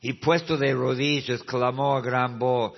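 A male pastor preaching a sermon, moving from quiet, slow asides to shouted, drawn-out climaxes. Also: mid-range voice, fairly even intonation, vocal fry. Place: church hall. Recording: muffled sound with long hall reverb.

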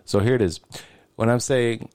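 A man's voice: medium pitch, steady tone, moderate pace, a little mellow, no echo. A man in his late forties hosting his own podcast, talking alone in a rambling, casual way and swearing freely. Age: 40s. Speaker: podcast host. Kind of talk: casual solo podcast monologue.

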